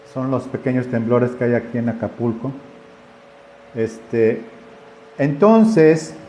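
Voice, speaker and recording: Man preaching, slow unhurried delivery, mellow tone, echoey church hall. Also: a little high, a little hiss or hum. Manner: conversational preaching, acts out quoted voices. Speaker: pastor. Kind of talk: sermon. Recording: echoey room with faint ambience.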